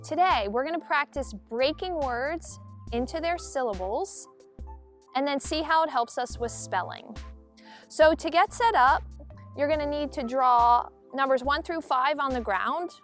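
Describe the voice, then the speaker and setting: High-voiced woman teaching young kids. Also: expressive, unhurried, a bit bright, soft background music. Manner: clear, upbeat, demonstrating as she hops. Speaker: elementary school teacher. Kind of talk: video lesson for children.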